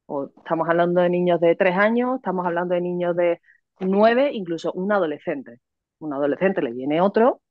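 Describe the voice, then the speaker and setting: A woman's voice: on the low side, no room sound, lo-fi sound. A woman psychologist from Spain explaining in an interview, teacherly, checking in with her listener and acting out examples. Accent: Peninsular Spanish. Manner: didactic, checks in with "¿vale?", acts out examples. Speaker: psychologist and early intervention counselor.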